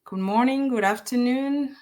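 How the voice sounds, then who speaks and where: A woman from Congo hosting a live online business interview, encouraging and pausing often with fillers. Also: on the high side, a little mellow. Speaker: host.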